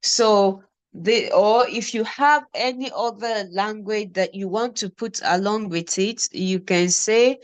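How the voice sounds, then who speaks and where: This Nigerian-born teacher goes through introductory German phrases at an unhurried classroom pace, her Nigerian accent clear as she says the example words slowly, one by one. She speaks in a mid-range voice.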